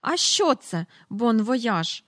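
A woman's voice: a little high, big pitch swings, takes it slowly, a bit bright, no room sound, clean studio sound, full character voice. A woman voicing a small, curious boy who asks eager questions.

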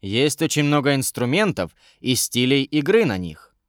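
A polite young royal adviser in an audiobook, measured and courteous, in a man's plain mid-range voice, as the narrator puts him on. His voice is lively and expressive, recorded dry and close. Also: medium pitch, no room sound, lightly acted. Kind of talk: audiobook character reading.

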